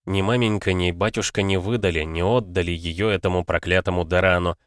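A man reading a fantasy audiobook in an expressive, measured storytelling way. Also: sits low, no echo, clean studio sound. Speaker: audiobook narrator. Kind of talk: dramatic audiobook narration.

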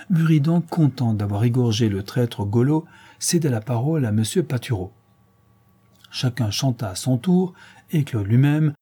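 A man narrates a classic novella in a measured, expressive way. His voice is mellow and warm, with a husky, slightly rough texture. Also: mid-range voice. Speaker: audiobook narrator. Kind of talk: reading a 19th-century novella aloud.

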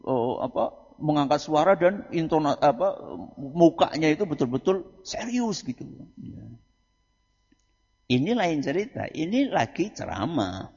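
A male Islamic preacher, giving a lecture, quizzing his audience and answering himself, dropping quiet then rising loud for emphasis. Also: on the high side, very animated, measured pace, breathy edge. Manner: asks the audience questions and answers them himself. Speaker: Islamic preacher teaching a book study. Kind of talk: religious lecture. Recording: muffled hall recording.

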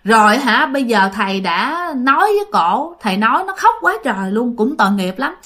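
A woman's voice: fairly high pitch, big pitch swings, normal speed, fairly bright tone. Chatty woman telling ghosts. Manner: chatty, informal, addresses listeners directly. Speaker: storyteller. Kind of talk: ghost story narration.

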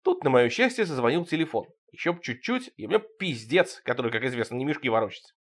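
A man narrating a surreal, crude comic story in an expressive reading, moving between loud outbursts and low asides. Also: quick pace.

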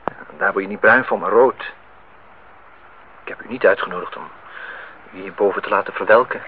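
In this muffled, phone-like old radio recording, an actor with a lowish voice delivers brisk, lightly acted lines through a slight hiss. He plays a well-off middle-aged man in a Dutch radio play, nostalgic and courting his host, using formal address laced with dry, needling teasing.

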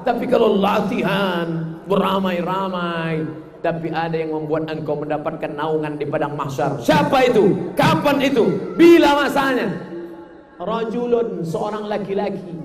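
High-voiced preacher in an echoing hall. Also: male voice, a little slow. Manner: chants verses, then explains with jokes and shouted emphasis. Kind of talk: humorous sermon. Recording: echoey hall, faint noise.

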